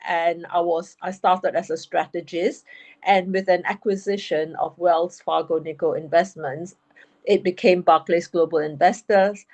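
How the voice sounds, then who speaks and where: A woman in her fifties, a panel guest telling her life story in a frank, brisk, self-deprecating way. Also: on the low side, darkish tone. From United Kingdom. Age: 50s. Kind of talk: candid storytelling.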